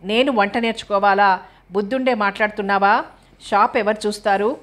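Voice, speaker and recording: A woman's voice: medium pitch, steady tone, brisk, a bit bright, close to an everyday voice. A woman reading the lines of an exasperated husband who scolds sarcastically. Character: exasperated middle-aged husband, shopkeeper.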